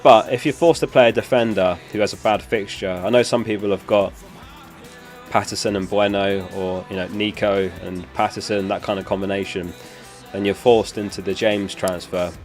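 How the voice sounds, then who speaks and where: At a normal speed and with a steady tone, a young man speaks in a lowish, slightly mellow voice against soft background music. Hosting his live stream, he chats casually and answers questions from chat, still recovering from a lost voice.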